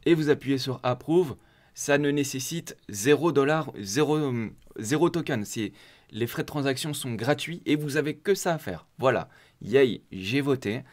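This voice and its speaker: A man hosting a community channel, talking casually as he walks viewers through a software setup step by step. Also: medium pitch, expressive, moderate pace. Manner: chatty and informal, walking viewers through clicks step by step. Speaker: host of a crypto community channel. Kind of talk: casual screen-share tutorial.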